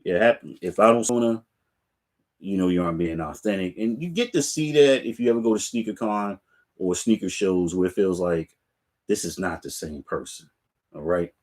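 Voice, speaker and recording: A middle-aged man with a low, deep voice talks in an easygoing, unhurried way, addressing his viewers directly. His chat is loose and full of fillers, like a relaxed livestream from his sneaker stock room. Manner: laid-back, chatty, talks straight to viewers with fillers. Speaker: sneaker channel host. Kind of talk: casual live chat to viewers. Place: home room lined with sneaker racks.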